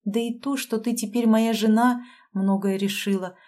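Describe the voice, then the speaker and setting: A woman reading an audiobook, voicing a young husband who quietly and guiltily apologizes to his wife. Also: a little high, fairly even intonation, normal speed, lightly acted. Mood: apologetic.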